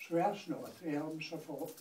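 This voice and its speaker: A man's voice: on the high side, moderate pace, a little mellow. A man in his eighties with a Lancashire accent reciting a comic verse monologue in a rhythmic, dry delivery. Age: 80s. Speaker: grandfather reciting. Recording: echoey room, distant mic, faint noise.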